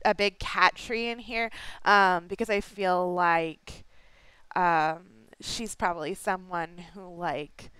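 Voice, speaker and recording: A young woman with a stuffy nose narrates her game speed build in a rambling, apologetic, casual voice-over, full of fillers and restarts. Her voice is lowish, slow and steady in tone, pushed, bright and smooth. It's recorded close on a home mic, with no echo but low quality.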